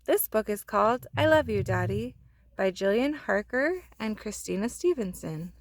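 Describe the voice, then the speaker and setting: Reading a children's picture book with expressive storytelling, this woman has a mid-range voice and a normal pace. There is slight background noise.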